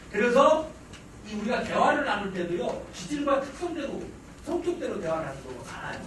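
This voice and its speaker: Lively high-voiced male lecturer in a hall. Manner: animated, acts out family dialogue, jokes with the audience. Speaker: parenting lecturer. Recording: echoey hall, distant mic, noisy.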